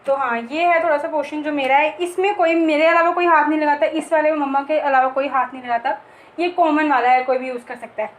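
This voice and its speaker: Young woman vlogger, high voice, chatty tour of her home, echoey room. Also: fairly even intonation, a little fast, lo-fi sound. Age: young adult. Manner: chatty, joking, addresses viewers directly. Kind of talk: casual home tour chat. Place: rooms of a home, indoors.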